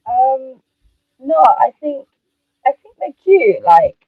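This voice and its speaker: A woman's voice: sits high, very animated, slow pace, no echo. A woman chatting on a video call through a headset mic, her voice muffled and hollow like she is inside a fishbowl, hesitant with lots of fillers. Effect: muffled, hollow sound like talking inside a fishbowl. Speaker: co-host on a panel. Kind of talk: casual chat on a video call. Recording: muffled phone-like headset line.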